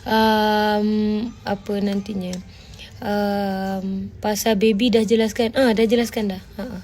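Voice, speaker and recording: Slow and flat, her slightly mellow medium-pitched voice comes with a little background noise. She's a Malaysian Malay-accented livestream host who bluntly tells off viewers while answering their comments, switching between Malay and English and repeatedly asking "faham tak?".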